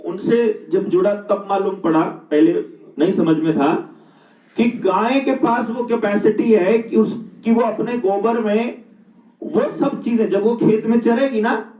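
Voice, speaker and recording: A man's voice: high voice, measured pace, mellow, reverberant. Middle-aged man, reflective talk, storytelling, rhetorical questions, distant from mic, dull lo-fi sound. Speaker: speaker on natural living.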